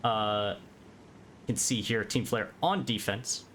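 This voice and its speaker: Male esports play-by-play caster on a remote call; lower voice, steady delivery, technical detail. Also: slow, a little hiss or hum. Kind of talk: live esports commentary. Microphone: remote call over the internet.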